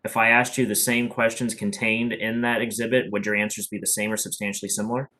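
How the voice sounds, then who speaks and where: A man working as an attorney, formally examining a witness in a somewhat halting, careful way. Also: fairly low pitch, flat delivery, pushed and bright. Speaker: attorney for public counsel.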